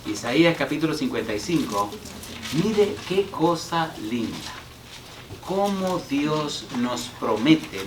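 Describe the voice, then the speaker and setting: Pastor preaching from far off in an echoey hall. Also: male voice, medium pitch, noisy background. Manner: storytelling with call-and-response to the congregation; reads scripture slowly and emphatically. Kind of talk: sermon. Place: church hall.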